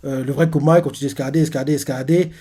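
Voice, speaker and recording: Male reaction host, casual and rambling. Higher pitch, slightly husky tone. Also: steady tone, very fast, mellow. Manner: rambling, full of filler words and restarts. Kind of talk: casual live retelling of a comic chapter.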